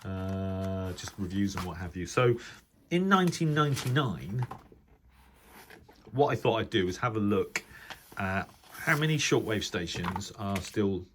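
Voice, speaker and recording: In an unhurried, lively way, a radio hobbyist vlogger talks through a reference book, rambling, thinking aloud, and catching his own mistakes. His voice is on the low side and a bit bright, and a little hiss or hum is audible.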